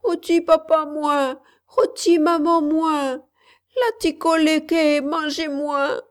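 A woman voicing a frightened, hungry little girl in a folk tale, crying out high and pleading. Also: measured pace. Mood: terrified.

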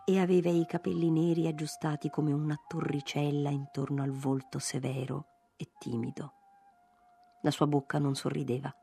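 A woman narrating a literary novel aloud in a measured, expressive reading. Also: low voice, vocal fry, faint music behind. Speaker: audiobook narrator.

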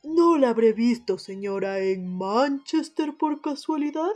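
A woman playing a polite, hesitant English gentleman in a radio play, speaking formally with pauses. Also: on the high side, animated, soft background music. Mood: polite puzzlement. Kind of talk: radio theatre acting.

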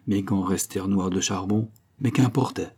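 A man reading a novel aloud in a measured, expressive audiobook narration. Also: deep voice, husky.

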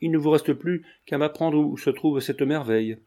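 A man's voice: fairly high pitch, normal speed, mellow, pitched above the performer's own voice, natural voice. A man voicing a wry, teasing young man at a family dinner.

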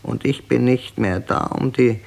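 In a radio drama, a male actor portrays a bitter, weary old Austrian emperor, grumbling and brooding in an Austrian accent with a creaky, gravelly voice. His mid-range voice is steady, unhurried, and somewhat dark in tone, and the mood is brooding and distrustful.

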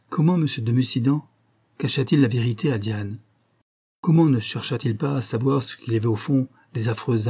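Husky-voiced male audiobook narrator. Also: mid-range voice, warm tone. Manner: measured, dramatic storytelling. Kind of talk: audiobook reading of a novel.

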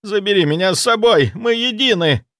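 A man voicing a fanatical male healer serving a cult, hysterical and zealous in a shrill, frantic voice. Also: sing-song, normal speed, fairly bright tone, no room sound, studio quality.

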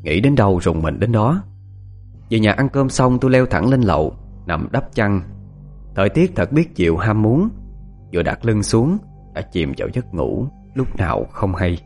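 A man narrating a first-person ghost story in a hushed, suspenseful, expressive way. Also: fairly low pitch, normal speed, faint music behind.

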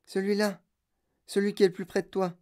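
A quiet, hopeful young boy in a storybook reading, voiced by the narrator. His lines come out soft and higher than the narration. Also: little pitch movement, brisk, close to an everyday voice. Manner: soft, raised pitch, gentle. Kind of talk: audiobook reading.

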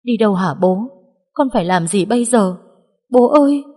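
A woman's voice: medium pitch, lively intonation, moderate pace, mellow, slightly rough. A woman voicing a young daughter desperately calling out for her dead father. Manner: desperate crying out. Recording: long hall reverb.

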